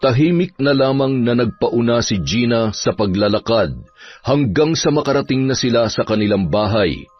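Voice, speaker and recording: Male narrator, steady scripted storytelling, muffled audio, soft background music. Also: medium pitch, normal speed.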